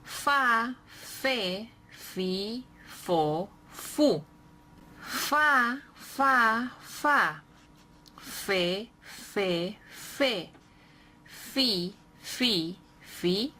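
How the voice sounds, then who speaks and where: Slow patient woman teaching reading. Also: a little high, expressive, bright, forceful tone, a little hiss or hum. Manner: slow, clearly spelled syllables with patient encouragement. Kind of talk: slow syllable-by-syllable reading lesson.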